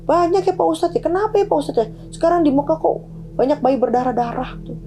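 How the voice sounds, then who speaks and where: A woman's voice: lively intonation, quick pace, over music. A woman voicing a frantic middle-aged wife on pilgrimage who sees things and pleads with her husband over and over. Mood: agitated. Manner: shrill, pleading, keeps repeating "Pak".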